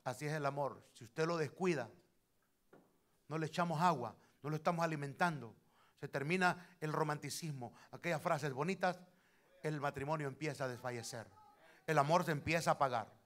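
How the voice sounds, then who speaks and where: A male pastor preaching a sermon in church, telling anecdotes and stressing lines loudly while addressing the congregation as brother. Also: fairly high pitch, brisk. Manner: storytelling with sudden loud emphasis, addressing the congregation as brother.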